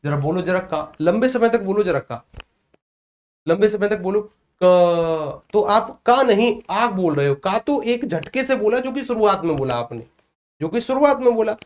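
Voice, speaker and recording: A male teacher giving an exam prep lecture on Hindi consonants in a classroom. He asks questions, answers them himself, repeats key points, and sounds out letters slowly. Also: high-pitched, sing-song.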